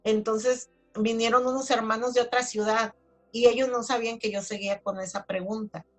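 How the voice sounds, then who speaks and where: A woman recounts a personal religious testimony in a fairly high voice. She talks in a loose, conversational way, with plenty of fillers. Soft music plays faintly behind her. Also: steady tone, normal speed. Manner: chatty storytelling with many fillers. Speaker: testimony speaker. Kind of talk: casual spoken testimony.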